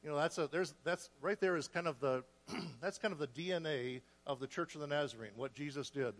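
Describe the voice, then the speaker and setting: A man preaching a sermon, earnest and a bit short of breath, restarting phrases and clearing his throat. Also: on the high side, brisk, long reverb tail. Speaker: guest preacher.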